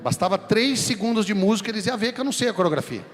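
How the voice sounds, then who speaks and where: Brazilian preacher in a reverberant church. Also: male voice, rapid-fire. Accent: São Paulo Brazilian Portuguese. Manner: animated storytelling, acting out quoted voices, rising to emphatic high peaks. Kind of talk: sermon with personal testimony. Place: large church sanctuary. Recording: long hall reverb with music behind.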